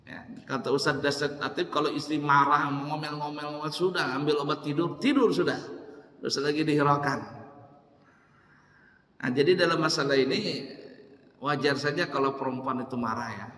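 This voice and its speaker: A man preaching a sermon in a casual, storytelling way, animated and jokey, repeating his phrases. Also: fairly high pitch, moderate pace, pauses often. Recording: echoey hall with long reverb.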